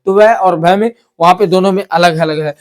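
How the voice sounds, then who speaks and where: A man's voice: high-pitched, fairly even intonation, normal speed. A man teaching a chemistry lesson, repeating key terms and asking and answering his own questions. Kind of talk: classroom lesson explanation.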